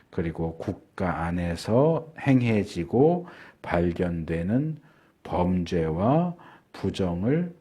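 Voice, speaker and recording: With a low, dark voice and a breathy edge, a middle-aged male pastor takes his time through a sermon. He leans on filler pauses and stretches out words for emphasis.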